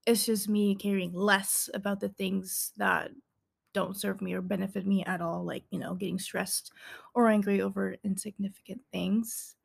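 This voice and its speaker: A woman's voice: mid-range voice, level tone, moderate pace, vocal fry, breathy edge. Young woman, from Central America, podcast host, casual chat, scripted, lots of ums. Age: 20s. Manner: chatty, reading from a script with many ums and laughs.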